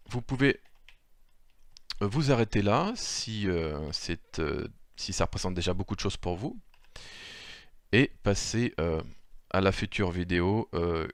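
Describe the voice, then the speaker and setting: A man's voice: deep voice, dry recording, studio quality. A man giving an improvised spoken lesson, hesitant, with many fillers, correcting himself as he goes. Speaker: language teacher. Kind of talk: improvised screen-share lesson.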